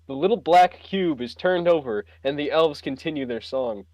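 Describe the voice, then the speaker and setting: A man's voice: fairly high pitch, expressive, moderate pace, darkish tone, no room sound. A man playfully reading an AI text adventure aloud, sometimes laughing. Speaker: player narrating.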